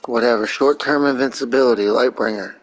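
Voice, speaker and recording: He's a streamer talking casually over gameplay, his medium-pitched voice moving a little fast as he swears freely and wanders through crude jokes. The recording is rough.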